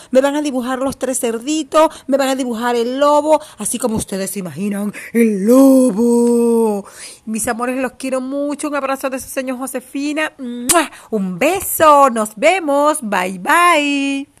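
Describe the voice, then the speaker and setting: A woman teacher telling a story to young children, affectionate and exclamatory, speaking to them directly. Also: sits high.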